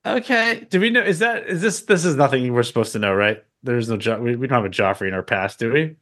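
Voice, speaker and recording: A man playing a tabletop game, stammering and quick to laugh, in a casual way. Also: medium pitch, animated, fairly bright tone. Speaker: player. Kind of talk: casual tabletop role-play.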